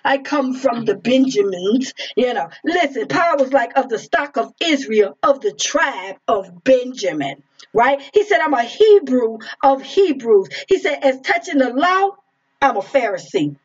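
A woman's voice: high voice, expressive, measured pace. A middle-aged woman preaching an informal streamed sermon, repeating her phrases and speaking straight to her listeners. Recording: dull lo-fi stream audio.

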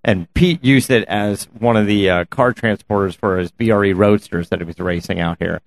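A man's voice: fairly low pitch, fairly even intonation, moderate pace. A man chatting casually, sharing bits of car history in a conversational way. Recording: clear background noise and ambience. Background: ambient noise.

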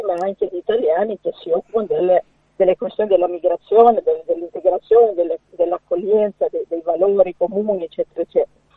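Woman guest on a bad phone line, husky voice, halting and repeating words. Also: mid-range voice, no room sound. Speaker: association representative, radio guest. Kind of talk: spontaneous live interview. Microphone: phone call. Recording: muffled phone line, hard to hear.

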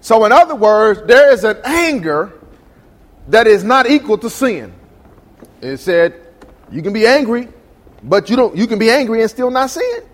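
A man's voice: extremely high pitch, sing-song, normal speed, pauses often, in a large hall. A male pastor preaching a sermon in a call-and-response style, asking his congregation questions. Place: church sanctuary.

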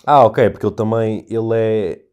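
A young man with a European Portuguese accent hosting a solo podcast, telling stories in an animated, ranting way and swearing freely. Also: fairly low pitch, normal speed. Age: young adult. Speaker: podcast host. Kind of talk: casual solo podcast monologue.

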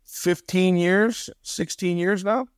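Male podcast co-host, slightly higher voice, dry close mic, rambling storyteller. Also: fairly even intonation, takes it slowly, smooth, no echo. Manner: rambling, folksy, tells stories. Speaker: podcast co-host, former wrestling trainer. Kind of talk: casual podcast chat.

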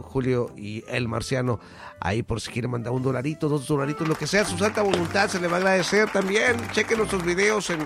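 A man's voice: mid-range voice, creaky. A man with a Mexican accent hosting a podcast, joking around with crude slang and lots of filler. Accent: Mexican Spanish. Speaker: podcast host. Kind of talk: casual podcast chat.

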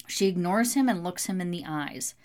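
A woman reading an audiobook in steady scripted narration. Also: fairly low pitch, normal speed.

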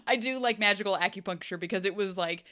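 A young woman talks through a TV episode with a friend in relaxed podcast chat. Her voice is bright and crisp, lively with playful asides and voiced quotes. Steady, clear tone at an ordinary middle pitch. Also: fast. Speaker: podcast co-host. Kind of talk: casual chat recapping a TV episode.

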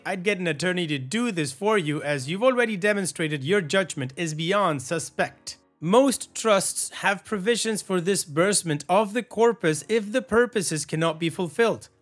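Male story-podcast host, high-pitched, blunt and a bit sarcastic when giving his verdict. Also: a bit bright. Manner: blunt, opinionated, mildly sarcastic. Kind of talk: reading stories and giving commentary.

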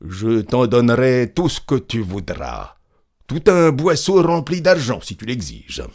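A man's voice: mid-range voice, very animated, unhurried, a little mellow, voice pushed up. A man voicing a nervous, insistent male peasant farmer in a storybook reading.

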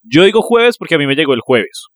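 A man's voice: a little high, sing-song, fast talker, a bit bright, no room sound, clean studio sound. A Colombian man from Neiva, co-hosting a podcast in casual, joking, slangy chat on a phone mic. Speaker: podcast co-host.

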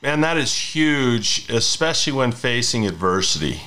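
A man's voice: mid-range voice, big pitch swings, normal speed, sharp tone. A man in his fifties hosting a conversational interview, telling rambling anecdotes between questions. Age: 50s. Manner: rambling storyteller who hosts the interview. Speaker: podcast host.

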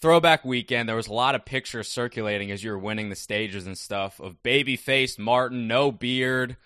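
A man's voice: medium pitch, moderate pace, pushed and bright, smooth, dry recording, studio quality. A man interviewing a guest, asking chatty, upbeat questions.

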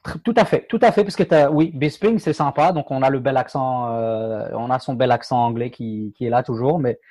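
A man chatting casually about fighting sports as a podcast co-host, halting with many fillers and restarts. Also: mid-range voice, a little mellow, no echo.

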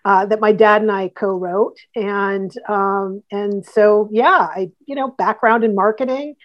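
A woman's voice: mid-range voice, steady tone, unhurried, highs cut off. A woman from Ohio chats as a guest author. She is enthusiastic and talkative, her voice in a mid range. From Columbus, Ohio. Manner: enthusiastic, chatty, many fillers. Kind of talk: casual interview chat.

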